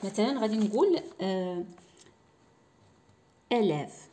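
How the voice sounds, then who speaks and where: A female teacher with a Moroccan Arabic accent leads a school lesson in a medium-pitched, slightly mellow voice. She speaks slowly, repeating words to show how they should be pronounced.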